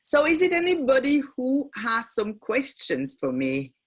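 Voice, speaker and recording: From her home on a small island, a woman teaches feng shui and decluttering in a live webinar that mixes a sales pitch with Q&A. English isn't her first language, so she speaks haltingly, with many fillers and self-corrections. Her high, husky voice swoops wildly in pitch.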